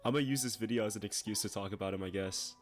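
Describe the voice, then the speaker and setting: A man's voice: on the low side, rapid-fire, faint music behind. A young man giving casual online commentary in a slangy, incredulous way.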